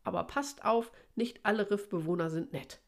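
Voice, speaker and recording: Woman voicing a calm unhurried mother fish, storybook. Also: medium pitch, creaky, lightly acted. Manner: calm, leisurely.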